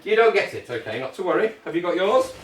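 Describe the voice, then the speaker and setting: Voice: medium pitch, very animated, quick pace. A British kids' party magician giving step-by-step instructions to children in encouraging, jokey patter, often checking with short questions. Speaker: children's party magician leading a craft activity. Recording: echoey room, distant microphone.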